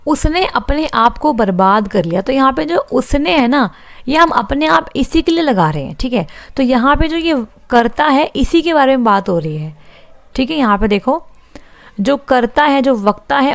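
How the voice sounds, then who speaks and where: A woman's voice: on the high side, no room sound. A young woman teaching a grammar lesson for exam students, reading out example sentences and asking and answering her own questions. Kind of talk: online exam-prep lesson.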